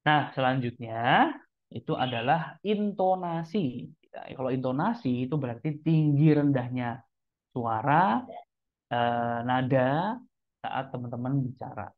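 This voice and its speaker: A man's voice: medium pitch, fairly even intonation, normal speed. A man who works as a speaking trainer gives casual, chatty tips. He speaks straight to his listeners and acts out examples as he goes. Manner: chatty, addresses listeners as friends, demonstrates examples. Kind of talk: casual teaching talk. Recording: tinny phone-like sound.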